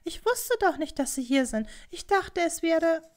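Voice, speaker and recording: A woman voicing a frightened little girl servant who pleads in a hasty, high voice. Her lines sit well above the narrator's, in a storybook reading. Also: lively intonation, quick pace. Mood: pleading.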